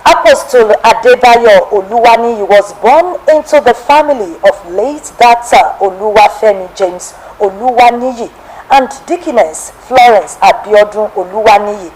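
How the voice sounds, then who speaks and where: A woman from Nigeria hosting a television testimony program and reading a formal, measured biographical narration. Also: fairly high pitch, lively intonation, a little mellow, faint music behind, low-quality recording.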